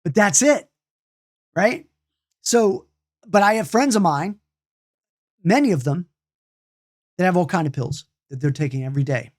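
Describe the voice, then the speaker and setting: Unhurried and animated, a man in his late fifties pauses often as he gives a casual talk on meditation and energy healing. His voice is high and a little mellow. He restarts, repeats himself and drifts into side remarks along the way.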